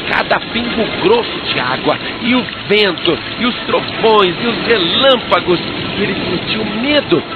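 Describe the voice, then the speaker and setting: A male pastor telling a sermon illustration with dramatic, animated storytelling. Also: high-pitched. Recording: tinny phone-like sound with loud music.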